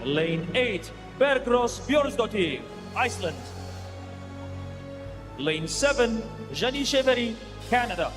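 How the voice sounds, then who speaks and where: Booming, pumped male arena announcer, slow and swooping. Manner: slow, drawn-out, booming delivery. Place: large indoor competition venue over a PA. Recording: echoey hall PA, loud music behind.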